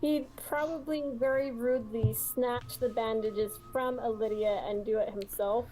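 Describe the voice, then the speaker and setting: A woman tabletop player with a slightly high voice talks at an unhurried pace. She describes her character's actions in detail and giggles often. Soft room noise underneath. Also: fairly even intonation, poor audio. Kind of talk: casual tabletop play.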